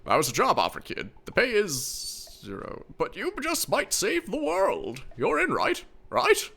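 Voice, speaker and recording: A man voicing a grumpy, excitable, folksy old captain as he reads out video game dialogue in an old man voice. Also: sits high, a little slow, creaky, pitched above the performer's own voice, full character voice. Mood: urging, eager. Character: excitable, folksy old male captain, forgetful veteran recruiter. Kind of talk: reading video game dialogue aloud in character.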